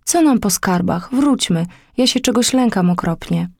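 A woman's voice: medium pitch, lively intonation, normal speed, gravelly, darkish tone, no room sound, studio quality. A woman voicing a frightened little girl who pleads tearfully in a storybook reading. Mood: fearful.

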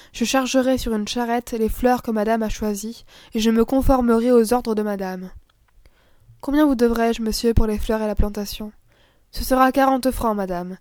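A woman's voice: a little high, a little mellow, dry recording, natural voice. Woman reader as a polite male flower seller in a storybook, deferential, close dry sound.

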